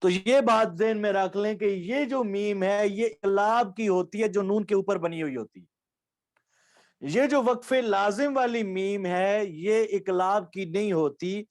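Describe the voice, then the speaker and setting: A Pakistani man with a fairly high voice gives an online lecture on Quranic recitation. He patiently goes back over each rule using simple examples and repeats the key points.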